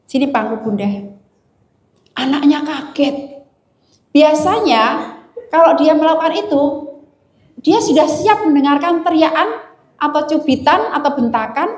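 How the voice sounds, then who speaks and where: Expressive woman speaker in an echoey hall. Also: a little high. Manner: expressive, addresses the audience directly. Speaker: national seminar speaker on family resilience. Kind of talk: seminar talk with storytelling. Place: seminar hall. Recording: roomy hall echo.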